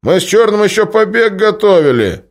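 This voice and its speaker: A man voicing a short, brash male criminal who talks loud and excited. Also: mid-range voice, unhurried, voice pushed up, natural voice. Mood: protesting.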